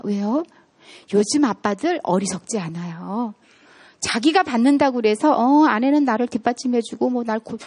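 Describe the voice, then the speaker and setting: Animated high-voiced woman lecturing. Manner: animated, rhetorical questions to the audience; acts out quoted speech in playful voices. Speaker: parenting lecturer. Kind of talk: public lecture.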